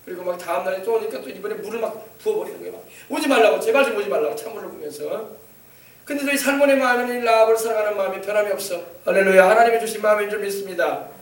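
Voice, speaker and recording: Male pastor, high voice, sermon, voices the people in his stories, church sanctuary. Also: rapid-fire, reverberant, recorded from a distance. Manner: acts out quoted dialogue, exclaims hallelujah often.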